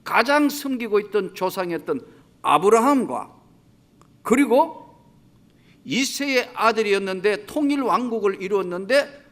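A man preaching a sermon as pastor, swinging between loud acted-out cries and quiet low asides. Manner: dramatic, shifting between shouted quotes and low asides.

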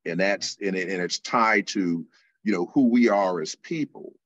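An older man from California, a teacher answering interview questions in a measured, explanatory way with frequent fillers. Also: sits low, a bit bright, no room sound, dull audio. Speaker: guest teacher.

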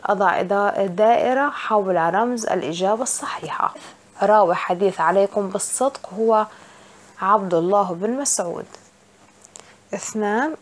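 A woman teacher reads through a school lesson, stating each definition and answer plainly. Her pitch sits in the middle of the usual range, and her delivery is steady and explanatory. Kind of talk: reading a religion lesson aloud.

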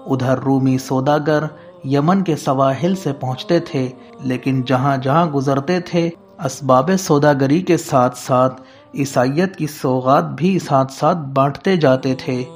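A man giving formal, measured scripted narration of a religious story. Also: medium pitch. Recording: faint background music.

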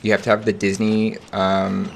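Animated, slangy young man streaming. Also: lowish voice, moderate pace, vocal fry, slight background noise. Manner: animated and slangy, chatting to viewers. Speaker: game streamer. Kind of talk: casual livestream chat.

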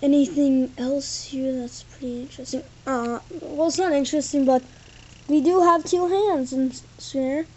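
A woman with a high voice gives a casual, rambling toy review, leaning heavily on "like" and "thing". Her intonation is fairly even, her tone dark and her pace moderate. She's in an indoor room with carpeted floor, filmed on a tripod camera's built-in mic, and the audio is poor.

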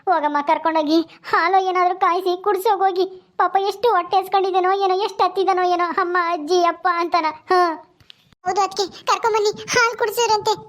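A woman playing a fierce grieving grandmother, very high voice, fast scolding, wailing, village family drama. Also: fairly even intonation, fairly bright tone. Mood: relieved, fretful.

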